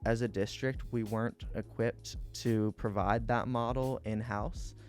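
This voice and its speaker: A man in his twenties, a school board candidate answering interview questions in an earnest, measured, policy-minded way. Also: on the low side, steady tone, a little mellow, faint music behind. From Atlanta, Georgia. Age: 20s.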